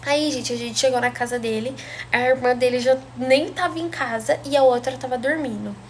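Young woman, high-pitched, animated storytime vlogger addressing viewers. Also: normal speed, a little hiss or hum. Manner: chatty, animated, speaks straight to viewers. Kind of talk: casual storytime vlog.

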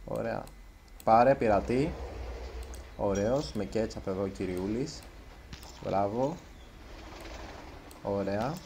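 A man's voice: fairly low pitch, vocal fry, long pauses, a little mellow, a little hiss or hum. A man giving let's play commentary as a gaming YouTuber, chatty and nervous, tripping over his words now and then. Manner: chatty, self-conscious, trips over words.

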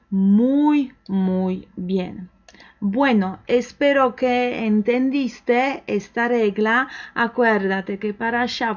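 A woman teaching an online language lesson, who talks slowly and patiently and waits for the learner to answer. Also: fairly high pitch. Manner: slow, patient, encouraging, with pauses for the learner to answer. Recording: dull, lo-fi recording.

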